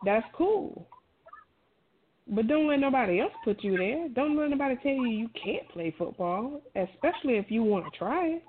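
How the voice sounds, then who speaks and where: A middle-aged woman gives casual, colloquial advice, emphatic and encouraging, in a very animated voice that sits on the high side. She talks at normal speed, and the sound is thin and phone-like with clear noise.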